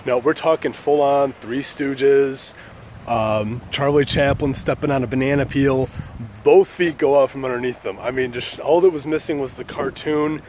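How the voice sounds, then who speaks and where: A man in a casual vlog tells a story in an easygoing, profane, joking way. His voice sits at a middling pitch. A faint hum of traffic runs underneath. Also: fairly even intonation, normal speed, darkish tone. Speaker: channel host.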